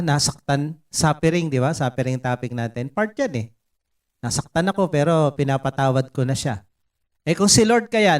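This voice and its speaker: A man preaching a sermon in an animated way, mixing in English words and putting questions to the congregation. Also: fairly high pitch. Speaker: pastor. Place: church service.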